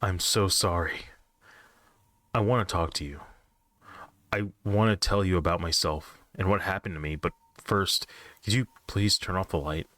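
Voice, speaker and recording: A man reading a creepypasta as the quiet ghost of a boy, speaking softly and apologetically. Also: deep voice, normal speed, long pauses, no echo. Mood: eerie. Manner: soft, apologetic, creepy calm.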